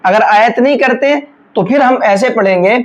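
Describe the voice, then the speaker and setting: A Quran recitation teacher giving a tajweed lesson, explaining each rule patiently step by step and breaking into slow, drawn-out chanted recitation of single words. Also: medium pitch, dull audio.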